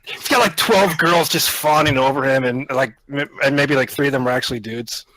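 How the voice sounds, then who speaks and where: A man's voice: mid-range voice, fairly quick, bright, forceful tone, no echo, poor audio. A man playing a tabletop game, chatting casually and asking about what his character sees and does.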